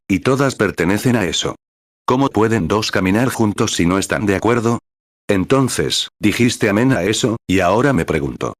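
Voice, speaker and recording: Guy reading a sermon out loud, lowish voice, dry close sound, says the paragraph numbers. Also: dry recording. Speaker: reader of a translated sermon. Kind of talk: sermon read aloud.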